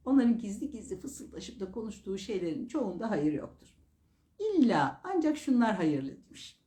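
A woman preacher giving a sermon that explains Quran verses, chanting the Arabic lines slowly and then explaining them calmly. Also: mid-range voice, roomy sound. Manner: addresses listeners as dear brothers and sisters.

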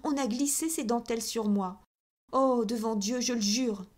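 A woman's voice: fairly high pitch, normal speed, a little mellow, voice pushed up, natural voice. A woman reading an audiobook, voicing a proud aristocratic countess who speaks in a raised, indignant voice. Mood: indignant outrage.

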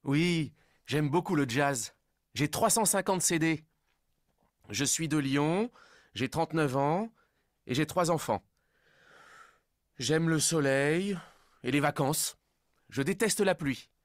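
Male pianist contestant, relaxed and slow. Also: on the high side, no room sound, clean studio sound. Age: 30s.

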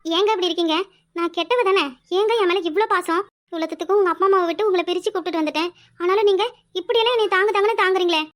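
Woman playing a young village wife, very high voice, quick, bright, sing-song, southern Tamil accent, cartoon. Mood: tearful. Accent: southern Tamil (Tirunelveli). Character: young pregnant village wife, tender and teasing. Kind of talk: cartoon voice acting.

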